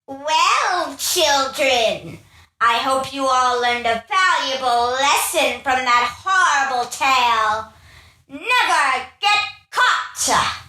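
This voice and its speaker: A woman's voice: high voice, animated, slow, bright, forceful tone, full character voice. A woman playing a witch who hosts a spooky radio show for children, theatrical and sing-song, teasing them with ghoulish glee. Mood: playfully macabre. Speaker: host. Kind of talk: spooky radio play hosting. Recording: roomy echo, distant from microphone.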